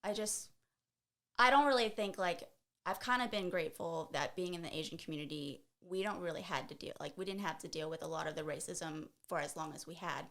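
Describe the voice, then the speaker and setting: A woman's voice: fairly low pitch, fairly quick, fairly bright tone. A woman guest on a casual podcast, chatting in a laid-back, giggly way with many fillers. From Dallas, USA.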